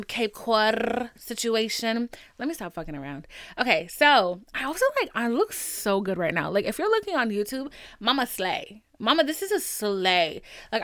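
A woman's voice: on the high side, a bit bright, no room sound, clean studio sound. A woman podcast host chatting casually and confessionally to listeners, candid, slangy and emphatic.

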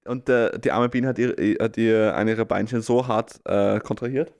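A man co-hosting a casual podcast chat. He rambles, restarts and jokes his way through his stories at a middling pitch. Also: steady tone, normal speed, vocal fry, darkish tone. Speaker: podcast co-host.

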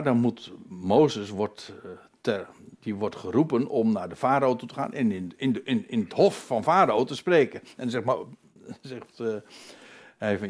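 A man's voice: medium pitch, darkish tone. A man teaching from the Bible in a conversational way, hesitating and restarting, then rising to emphatic declarations. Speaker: preacher.

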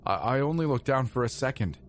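A man's voice: medium pitch, animated, brisk, a little hiss or hum, voice pushed up, close to an everyday voice. A man voicing a flustered, apologetic female flight attendant who stammers and pleads in a storybook reading.

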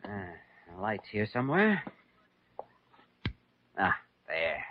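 A man's voice: on the low side, wildly swooping pitch, slow pace, heavily acted. An actor playing an earnest, placating young male doctor in 1950s radio drama style. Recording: dull old radio broadcast with faint hiss.

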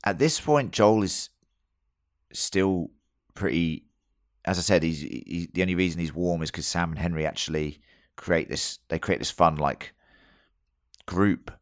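A man's voice: low voice, measured pace, no echo, studio quality. A man chatting casually as a review podcast co-host, matey and sweary, circling his way through his points. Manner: sweary, matey and jokey banter.

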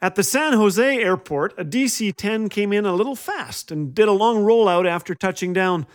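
On his humorous inspirational radio show, a man with a high-pitched voice tells scripted comic stories at a normal speed. His delivery is wry and playful, and he performs the quoted lines.

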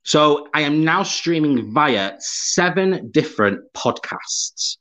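A man's voice: a little high, animated, slow, a bit bright. Chatty upbeat man hosting a live show. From United Kingdom. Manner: chatty, upbeat, laughs often, reads out viewer comments. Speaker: podcast host. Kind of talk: live-stream chat reading comments. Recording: slightly dull lo-fi sound.

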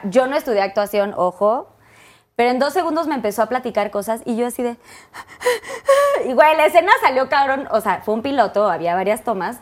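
A woman, hosting a casual chat show and asking her guests questions. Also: fairly high pitch. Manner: chatty, asks many questions. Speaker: host.

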